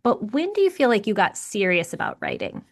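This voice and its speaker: A woman's voice: mid-range voice, huge pitch swings, a little fast. A woman hosting a podcast about publishing, introducing her guest and asking questions with chatty enthusiasm. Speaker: podcast host. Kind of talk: podcast interview.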